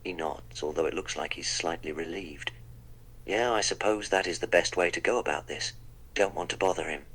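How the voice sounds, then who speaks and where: A man's voice: low voice, normal speed, a bit bright, husky, rough recording. A man voicing the Doctor, a wry, polite eccentric time traveller, in a text-to-speech role-play that narrates his own actions.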